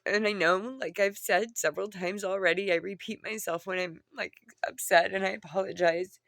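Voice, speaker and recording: A woman's voice: mid-range voice, steady tone, creaky, fairly bright tone, dry recording, studio quality. Tearful, upset woman confiding. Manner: halting, repetitive, earnest. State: upset, tearful as after crying. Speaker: vlogger. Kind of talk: personal confessional talk to viewers.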